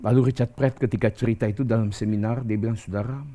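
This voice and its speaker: Lively preaching man, animated. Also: fast talker. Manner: conversational preaching, lively jumps in pitch, acts out quoted dialogue. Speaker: pastor. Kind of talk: sermon.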